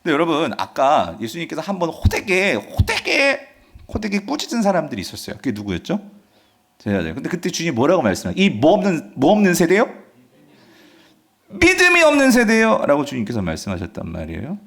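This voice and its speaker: A male pastor preaching a sermon, asking his congregation questions and answering them himself, reading scripture loudly and dropping to soft asides. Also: on the high side, huge pitch swings, quick pace, gravelly, husky. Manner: swings between loud emphatic scripture reading and soft asides. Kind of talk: Friday revival-service sermon.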